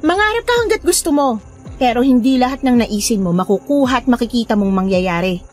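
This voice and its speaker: Woman voicing a defiant, sharp-tongued healer. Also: a little high, a little fast, soft background music. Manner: scornful, defiant, lively. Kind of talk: audio drama acting.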